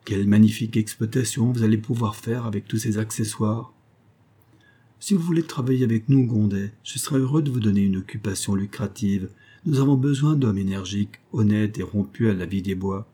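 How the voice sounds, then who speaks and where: A man reading the part of a calm, gracious middle-aged engineer who speaks politely and in a measured way. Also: on the low side, husky.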